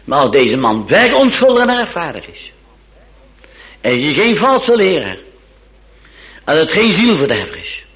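A man's voice: a little high, huge pitch swings, normal speed, pauses often, fairly bright tone, poor audio. A male preacher telling a Bible story as a sermon, dramatic and fond of repeating phrases.

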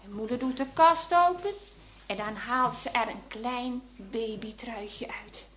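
Slow, soft-spoken Dutch storyteller woman. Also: on the high side. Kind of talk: reading a children's story aloud.

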